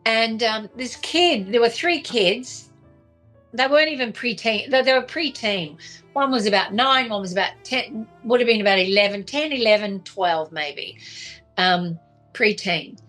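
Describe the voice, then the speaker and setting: A woman talks straight to her viewers, telling a story from her day. She rambles, starts over often and fills her pauses, and a little music plays faintly behind her. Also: fairly high pitch, a bit bright. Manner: rambling, with many restarts and fillers. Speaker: vlogger. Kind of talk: casual storytelling monologue.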